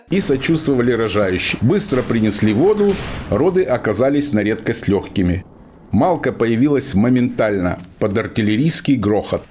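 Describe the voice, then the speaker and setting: Over background music and noise, a man with a mid-range voice narrates a scripted radio play. His storytelling is dramatic, with deliberate pauses.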